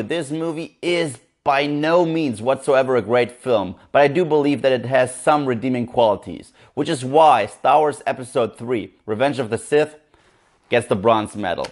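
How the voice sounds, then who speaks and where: A young man talks through a film in a loose, casual review. His tone is sarcastic and blunt, with plenty of swearing. His voice sits at an ordinary middle pitch. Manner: sarcastic, profane, animated asides. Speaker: movie reviewer. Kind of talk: casual spoken movie review.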